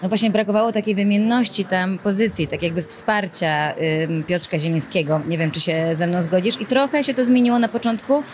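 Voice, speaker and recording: A woman's voice: medium pitch, fairly quick, hardly any pauses. Young woman reporter, probing post-match questions, faint background noise. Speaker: sports reporter. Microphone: handheld broadcast mic.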